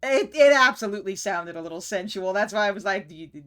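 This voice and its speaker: Wry, bright-voiced woman streamer. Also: mid-range voice, animated, quick pace, soft background music. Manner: wry, sarcastic banter. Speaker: game streamer. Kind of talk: casual gameplay commentary.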